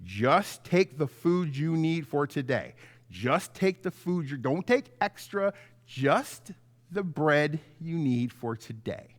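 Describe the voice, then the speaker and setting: A male children's pastor with a higher-pitched voice tells stories in a theatrical, sermon-like lesson, stretching out key words for emphasis. His pitch swings widely, and a long hall reverb trails every line of this animated story time.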